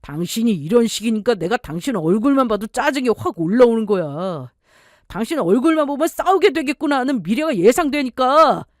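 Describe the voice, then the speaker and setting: A woman's voice: on the high side, lively intonation, fairly quick, darkish tone, no room sound, studio quality, voice pushed up, lightly acted. A woman voicing an irritable, dismissive husband in a scripted narrated story, speaking in a curt, snappish way. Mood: irritated.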